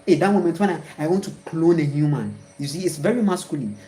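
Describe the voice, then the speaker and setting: A woman's voice: low-pitched, expressive, quick pace, warm tone, echoey room, rough recording. A woman with a Ghanaian accent giving a rambling spiritual monologue, repeating herself and dropping in emphatic exclamations. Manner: repetitive, emphatic, full of exclamations. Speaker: spiritual speaker.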